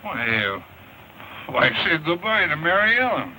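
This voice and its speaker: An actor playing a flustered, folksy ranch hand in an early 1930s western talkie, with an American accent and a stammering, halting delivery. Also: male voice, on the high side, very animated, bright, forceful tone, heavily acted. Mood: concerned. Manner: stammering, halting, repeats himself. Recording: noisy 1930s film soundtrack.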